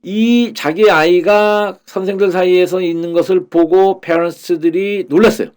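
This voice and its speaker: A man teaches a Korean-language lesson on English Bible verses, explaining slowly, repeating the English phrases, and leaning on many fillers. His voice sits high, with a steady, slightly mellow, smooth tone.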